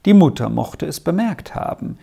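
Gravelly narrator, measured storybook reading, mid pitch. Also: very animated, warm tone.

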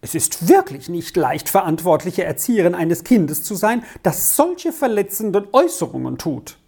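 A woman's voice: fairly low pitch, big pitch swings, normal speed, creaky, warm tone, breathy edge, voice pushed up, heavily acted. A woman reading aloud voices a young governess who speaks with a needlessly raised, reproachful voice. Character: young female governess, stiff and aggrieved.

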